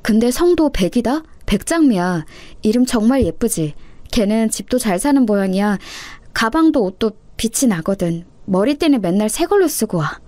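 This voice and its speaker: Woman doing a serious little big-sister orphan, bossy but caring, kinda high voice. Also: sing-song, moderate pace, no echo. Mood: earnest. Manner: firm, gently scolding. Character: earnest young orphan girl, protective older sister.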